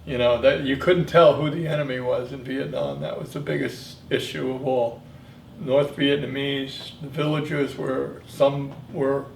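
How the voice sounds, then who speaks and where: Gravelly old veteran remembering, echoey room. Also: male voice, mid-range voice. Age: 70s. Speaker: Vietnam veteran being interviewed. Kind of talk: reminiscing in an interview. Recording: echoey room, distant mic, faint noise.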